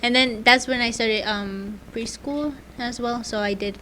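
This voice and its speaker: A young woman whose first language is Spanish co-hosts a student podcast, telling stories in chatty talk full of hesitant fillers. Her voice sits on the high side, pushed and bright, with fairly even intonation and a measured pace. The low-quality recording has faint background noise.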